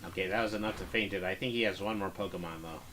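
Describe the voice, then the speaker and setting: Speaking very fast in a low-pitched, pushed, bright voice, a man comments casually and understatedly on the game he's playing. He half mutters to himself and reads in-game dialogue aloud.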